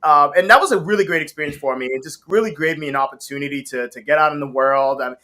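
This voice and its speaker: A relaxed, slangy man in his thirties, born in Haiti and raised in the area. His voice sits a little high and rings bright and forward. He tells his story in an easygoing interview manner, laughing often. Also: quick pace. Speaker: guest, brand co-founder. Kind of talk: casual interview talk.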